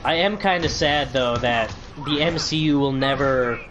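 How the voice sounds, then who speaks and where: A man's voice: mid-range voice, unhurried. A man streaming a video game, joking, swearing and reacting aloud as he plays. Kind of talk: casual gameplay commentary. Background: game music.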